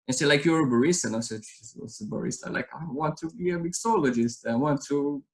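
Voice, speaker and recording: A man's voice: fairly high pitch, fast talker, rough recording. A man in his thirties from Romania, speaking with a Romanian accent as an interview guest, telling his story earnestly in a rambling way with many restarts. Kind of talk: casual interview chat.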